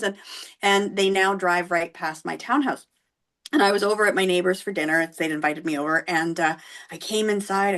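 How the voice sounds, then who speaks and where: A woman co-hosting a podcast, telling stories in an animated way and jumping into high, excited voices. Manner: animated, jumps into high excited voices when retelling moments. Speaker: podcast co-host. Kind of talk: lively conversational storytelling.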